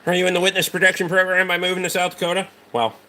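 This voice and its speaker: He talks rapid-fire in a high, bright, forceful voice, yet his delivery stays flat. The man, from Rhode Island and speaking with its accent, hosts a casual livestream chat with viewers, coming across as blunt, dismissive, and loaded with profanity.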